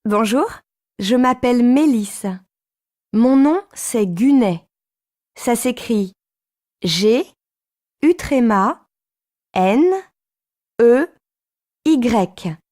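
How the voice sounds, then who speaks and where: A woman's voice: a little high, lively intonation, very slow, long pauses, a little mellow. A woman reading scripted textbook lines and spelling a name carefully, letter by letter. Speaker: actor in a textbook dialogue.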